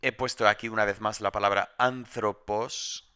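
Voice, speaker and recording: A man's voice: lowish voice, steady tone, moderate pace, bright, forceful tone, clear, resonant tone. A man teaching a recorded Greek grammar lesson from home, explaining step by step and often restarting his sentences.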